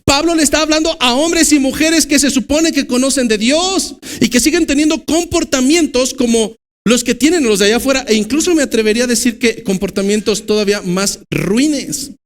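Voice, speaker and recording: Delivering a sermon in church, a pastor speaks with a Mexican Spanish accent and a voice pitched high for a man. His preaching alternates loud, forceful outbursts with slow, low emphasis.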